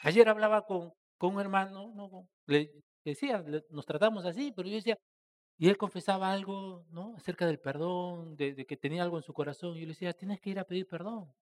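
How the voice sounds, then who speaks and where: High-voiced preacher, emphatic and earnest. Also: male voice, fairly quick. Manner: emphatic preaching with rhetorical questions, addressing the congregation as brothers; swings between loud stressed phrases and soft trailing endings. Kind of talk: church sermon.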